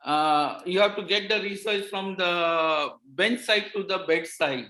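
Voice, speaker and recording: Guy on a panel call, kinda high voice, halting and earnest, lots of restarts, echoey room. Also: sharp tone. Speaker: pathology resident panelist. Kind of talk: online panel discussion. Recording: roomy echoey audio.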